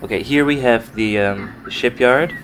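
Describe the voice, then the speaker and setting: Speaking at a normal pace, this Dutchman has a mid-range, fairly bright voice as he narrates his own gameplay in a relaxed let's play, wandering and groping for words. He's from the Netherlands and uses a desk mic recorded on his computer. Game music plays, with a slight background hiss.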